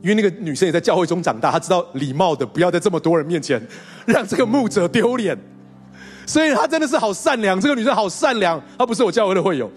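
A man's voice: high voice, expressive, quick pace, slightly rough, faint music behind. A male pastor telling a story in a sermon to his congregation, acting out quotes and laughing along with them. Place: church hall with congregation.

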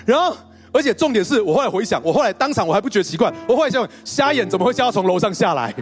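A man's voice: sits high, animated, racing, soft background music. A male pastor telling a story in a sermon to his congregation, acting out quotes and laughing along with them. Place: church hall with congregation.

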